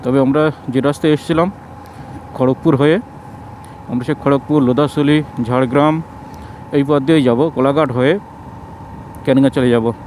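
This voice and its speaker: A man narrates a casual travel vlog, his voice muffled and boomy through a face mask. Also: steady tone, moderate pace, pauses often, darkish tone. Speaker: travel vlogger. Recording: noisy outdoor road and vehicle sound.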